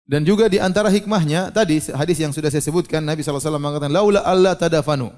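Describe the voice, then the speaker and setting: A man giving a religious lecture, animated and questioning, who asks his audience questions and acts out scenes. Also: fairly high pitch, racing, soft background music. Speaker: preacher.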